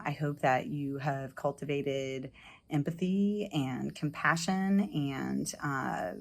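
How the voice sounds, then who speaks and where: Woman teacher, low voice, earnest and reflective interview answers. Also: gravelly. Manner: thoughtful, sincere, many ums and uhs.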